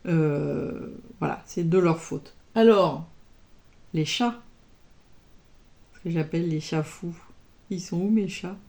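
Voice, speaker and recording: A woman's voice: lowish voice, slow pace, creaky, pauses often, a little mellow. A woman chatting casually as an embroidery vlogger, showing her projects and peppering her talk with little interjections. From France. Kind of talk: casual show-and-tell chat.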